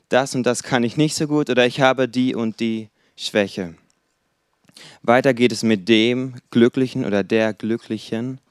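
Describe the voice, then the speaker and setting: Smooth-voiced male preacher, dry sound. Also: mid-range voice, no echo. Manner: lively, acts out quoted voices. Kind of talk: sermon.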